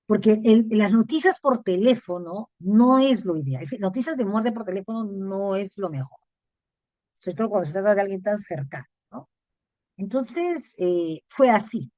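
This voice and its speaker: A woman's voice: medium pitch, animated, normal speed, mellow, dry recording. A woman psychologist with a Peruvian Spanish accent lectures at a conference. She speaks in a mid-range voice and keeps it conversational, checking in with tag questions and repeating words as she thinks. The recording is dry and close, with little room sound.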